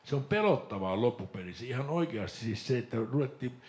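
A man from Lapland telling a lively story on a casual podcast, laughing and mimicking voices along the way. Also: mid-range voice. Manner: animated storyteller, laughs and mimics voices, shouts when excited. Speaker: podcast host.

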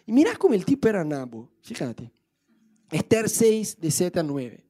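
A man preaching, retelling a story in a lively, jokey way. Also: high-pitched, moderate pace. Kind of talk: humorous storytelling sermon.

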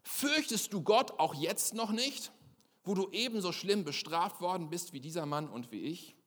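A repentant criminal , voiced by a male preacher, speaks slowly and earnestly, begging to be remembered. The voice is high and bright, and a long hall reverb trails every phrase. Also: animated.

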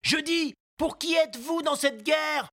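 A man voicing an earnest, indignant little boy in a storybook reading, with a high childlike voice. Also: normal speed, creaky, bright, forceful tone, dry recording, clean studio sound, exaggerated voice. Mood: questioning. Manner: high childlike voice, outraged pleading.

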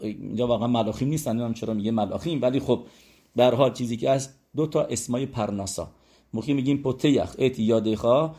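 A man gives a religious lesson, adding up numbers aloud and checking that his listeners follow. His voice is mellow and somewhat husky. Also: mid-range voice. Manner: works through sums aloud, asks listeners to check. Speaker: religious teacher. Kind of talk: explaining religious law and numerology.

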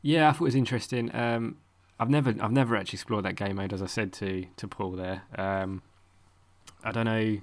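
A man's voice: on the low side, steady tone, a little fast. A man with an Essex accent, chatting casually as a podcast host and interviewer. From Essex, England.

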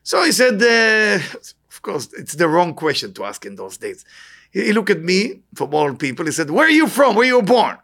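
Speaking to a live audience, a man with an Israeli accent offers an inspirational talk with anecdotes as a spiritual teacher, emphatically repeating brief phrases. His voice sits high and is gravelly and fairly bright, with big pitch swings and a moderate pace.

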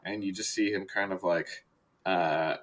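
A man's voice: low voice, fairly even intonation, a little slow, fairly bright tone. A man narrating a tabletop game as game master in a casual manner with many fillers.

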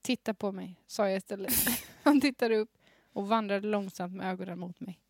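A woman's voice: mid-range voice, darkish tone, no echo, clean studio sound. Woman giggling through an old story. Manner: reads with suppressed giggles. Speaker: podcast host. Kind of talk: reading aloud her old teenage story. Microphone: studio microphone with headphones.

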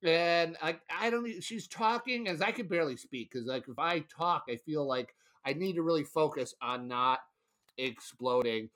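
A young adult man telling a story in a casual podcast chat, animated and laughing often, putting on other people's voices. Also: fairly high pitch, normal speed. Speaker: podcast co-host.

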